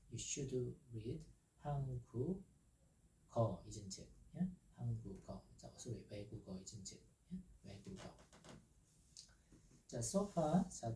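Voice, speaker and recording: A male language teacher explaining syllables step by step, pausing often with "ja" and checking in with "right?". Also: mid-range voice, warm tone, distant mic. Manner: keeps saying "ja" and checking with "right?". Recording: roomy sound from away from the mic.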